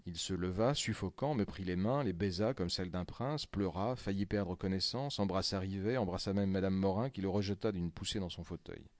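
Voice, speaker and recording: A man narrating a classic story aloud in a measured, deadpan reading. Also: low-pitched, dry recording.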